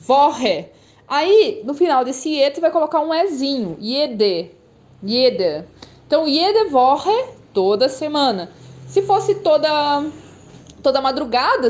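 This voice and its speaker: Slow, high-voiced woman teacher. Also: darkish tone. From Brazil. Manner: slow, patient, repeats phrases for learners. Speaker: German teacher. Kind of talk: language lesson.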